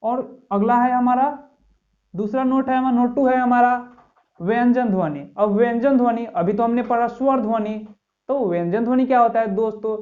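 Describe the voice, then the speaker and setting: A man's voice: extremely high pitch, normal speed. A man hosting a grammar lesson for viewers, explaining step by step and repeatedly asking rhetorical questions of his audience. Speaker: English teacher, channel host. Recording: dull lo-fi recording.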